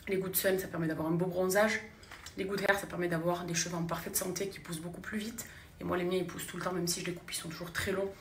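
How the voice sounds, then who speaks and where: A woman's voice: on the low side, flat delivery, fast, reverberant, slight background noise. A young woman talking casually to her followers in a vlog, chatty and enthusiastic, promoting products and running a giveaway. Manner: chatty, enthusiastic, repeats phrases. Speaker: vlogger.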